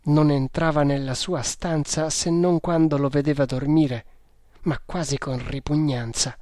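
Man, audiobook narrator, slow, measured, slightly high voice, dry sound. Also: a little mellow, no room sound. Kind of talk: audiobook reading.

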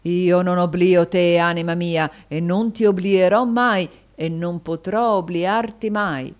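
A woman reading a storybook voices a florid, flattering middle-aged husband who gushes theatrical endearments. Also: mid-range voice, moderate pace, close to an everyday voice.

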